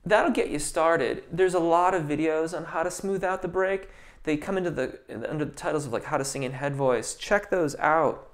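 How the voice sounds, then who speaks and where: Speaking at a moderate pace in a somewhat high voice, a male vocal coach chats through viewer questions on a casual live stream. He frequently hesitates with ums and starts over.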